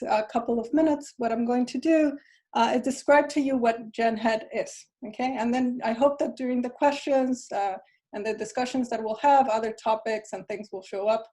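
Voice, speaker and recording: A woman's voice: on the high side, darkish tone. A woman from Chile, a physics professor, giving a friendly talk on a video call with light laughs between points. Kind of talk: presentation over video call. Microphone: computer mic on a video call.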